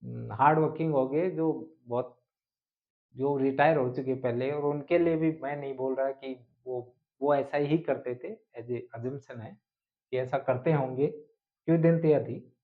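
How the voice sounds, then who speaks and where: A man's voice: medium pitch, fairly even intonation, unhurried. A male teacher giving an explanatory exam-prep lecture, often asking rhetorical questions. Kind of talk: exam-prep lecture mixing Hindi and English. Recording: tinny phone-like sound.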